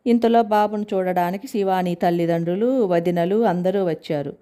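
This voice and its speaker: A woman reads a family story aloud in a steady, plain way. Her voice sits low with a soft, mellow tone. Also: normal speed, clear, resonant tone. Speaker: narrator.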